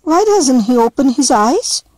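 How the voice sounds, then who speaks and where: A woman's voice: high-pitched, big pitch swings, a little slow, dark tone, dry recording, voice pushed up, heavily acted. A woman voicing a curious little girl in a storybook, asking questions in a raised, childlike voice.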